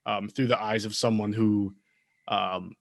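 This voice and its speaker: A man's voice: fairly low pitch, level tone, a little slow. A man co-hosting a podcast, chatting casually and thinking aloud with many fillers. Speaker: podcast co-host. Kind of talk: casual chat.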